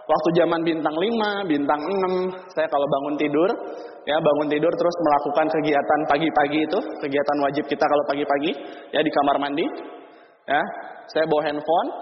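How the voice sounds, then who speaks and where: A man, giving a lively motivational seminar talk and often asking his audience questions. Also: a little high, a little hiss or hum. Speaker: motivational speaker. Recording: dull recording with long hall reverb.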